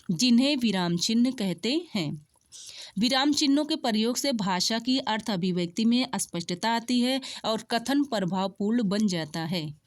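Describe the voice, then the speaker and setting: Woman teaching a lesson, higher voice. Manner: steady explanatory tone, mixes English words. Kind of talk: exam-prep lesson explaining examples.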